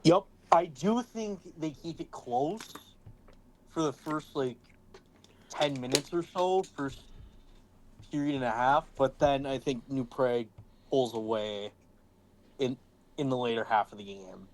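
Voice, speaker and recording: A male co-host with a mid-range voice chimes in slowly and easily. He adds brief opinions and short agreeing replies in a casual sports chat. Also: medium pitch, slight background noise, low-quality recording. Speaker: podcast co-host.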